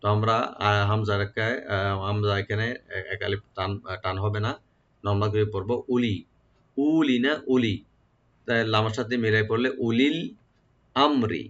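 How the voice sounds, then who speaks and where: A man with a lowish voice teaches Quran recitation one syllable at a time. He draws out each phrase, repeats it, and explains the pronunciation rules patiently. The recording is dull and lo-fi. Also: fairly even intonation, normal speed, pauses often, a bit bright. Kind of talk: step-by-step tajweed lesson.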